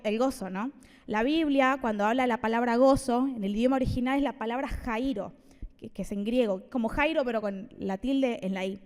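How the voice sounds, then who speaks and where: A woman's voice: a little high, a little mellow, in a large hall. A woman preaching a sermon, conversational and playful, with asides to the congregation. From Argentina. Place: church hall.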